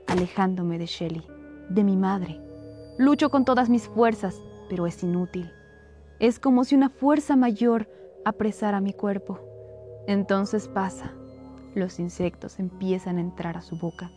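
A woman reads a dark first-person tale in a slow, hushed, somber manner. Her voice is mellow and warm, sitting at an ordinary pitch, with faint music playing beneath. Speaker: narrator. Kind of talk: dramatic audiobook reading.

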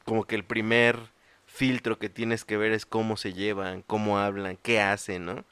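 Bright low-voiced host. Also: male voice, little pitch movement, moderate pace, smooth, dry recording. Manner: chatty, slangy, asks follow-up questions. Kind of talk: casual interview conversation.

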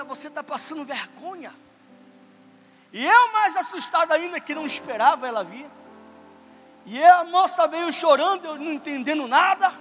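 A pastor preaching with a very high, bright and forceful voice. His sermon swells from earnest storytelling to impassioned cries, with faint music playing under his words in the church. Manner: impassioned preaching, rising to shouts.

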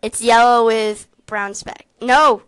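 A woman's voice: fairly high pitch, fairly even intonation, slow pace, fairly bright tone, clean tone, rough recording. A woman chatting casually through a gross jelly bean taste challenge, giggly and squeamish. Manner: giggly, squeamish, lots of laughing. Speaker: co-host.

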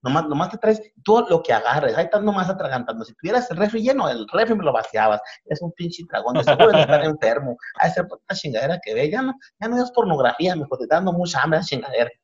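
A man voicing a nagging, scolding middle-aged mother with a Mexican accent, ranting in a fast, exasperated tirade. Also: on the high side, big pitch swings. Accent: Mexican Spanish. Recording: dull lo-fi audio.

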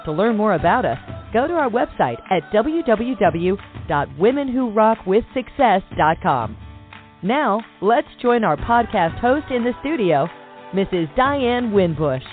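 A woman's voice: mid-range voice, sing-song, unhurried, faint music behind. A woman announcer reading a scripted promotional introduction for a podcast. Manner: read, promotional delivery. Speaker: show announcer. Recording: tinny lo-fi audio.

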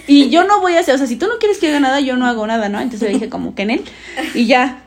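A young woman, telling a school story in animated casual chat, often laughing and mimicking voices. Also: high voice, fast talker.

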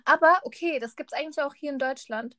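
A woman's voice: high-pitched, fast talker. A young woman, co-hosting a podcast in casual chat and switching between two languages as she animatedly acts out little exchanges. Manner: animated storytelling, acting out quoted exchanges. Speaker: podcast co-host. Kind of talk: casual chat, anecdotes mixing Turkish and German.

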